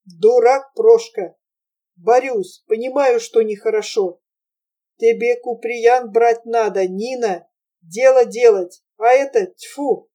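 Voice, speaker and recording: Meet a woman voicing a gruff Circassian manservant from a storybook reading. His talk comes out blunt and scolding, in short abrupt bursts. The voice stays mellow and a little high. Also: slow. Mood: agitated.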